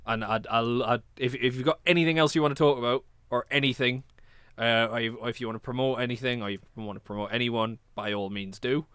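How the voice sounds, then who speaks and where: Bloke hosting a chat, rambling, stop-start, mid pitch, very dry audio. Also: male voice, steady tone, a bit bright, clear, resonant tone, no echo. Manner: rambling, halting, repeats words while searching for phrasing. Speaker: podcast host. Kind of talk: casual interview chat.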